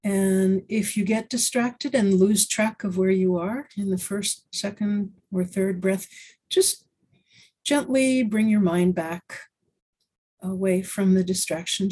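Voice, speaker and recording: A woman leading a guided breathing exercise, giving slow, gentle, soothing instructions. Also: medium pitch, slight background noise.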